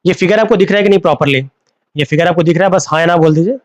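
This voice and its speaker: A man's voice: sits high, racing, no room sound. A man teaching a live online class, repeating key terms as questions to his students and mixing in English. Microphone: phone.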